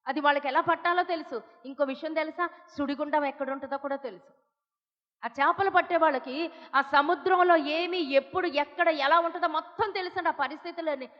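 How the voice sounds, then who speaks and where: Telugu-accented woman pastor preaching hard, high voice, dull muffled sound. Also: fairly quick. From India. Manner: impassioned preaching, rising to loud pleas and dropping to hushed asides. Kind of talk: sermon. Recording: dull audio with long hall reverb.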